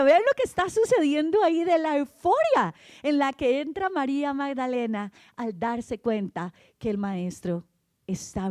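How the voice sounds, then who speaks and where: Preaching an Easter sermon to her congregation, a woman tells the story with animation, acting out the voices of its characters and often asking "right?" Her voice sits on the high side with a darkish tone, recorded at studio quality with no echo.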